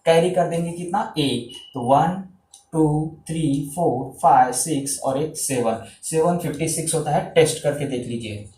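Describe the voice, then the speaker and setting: A man's voice: fairly high pitch, unhurried, mellow, echoey room, slight background noise, low-quality recording. A man teaching a maths lesson in Hindi, counting aloud step by step as he draws lines and encouraging the viewers.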